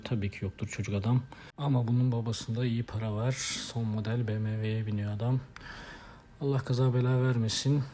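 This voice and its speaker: A man narrating his day as a motovlogger in a wry, deadpan, storytelling way with folksy turns of phrase. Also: on the low side. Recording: steady background noise.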